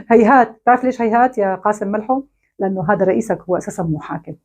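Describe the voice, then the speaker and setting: Syrian lady ranting to camera, mocking tone, talks really fast. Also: medium pitch, expressive, a little mellow. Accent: Syrian Arabic. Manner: mocking, scolding, ironic. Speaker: online commentator. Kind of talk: sarcastic monologue to camera.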